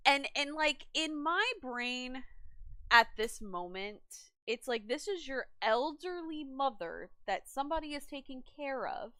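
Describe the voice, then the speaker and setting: A young woman co-hosting a casual book discussion, chatty and animated when retelling scenes, a little tired and coughing. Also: high-pitched, measured pace, dry recording. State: yawning and coughing. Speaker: book club podcast co-host.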